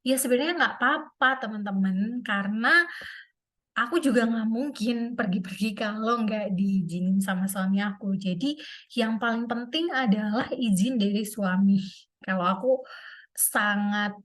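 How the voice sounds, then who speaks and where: A young woman chatting casually to her viewers in a vlog, with many fillers and a relaxed, talkative manner. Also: mid-range voice, normal speed. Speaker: vlogger. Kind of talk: casual chat to camera.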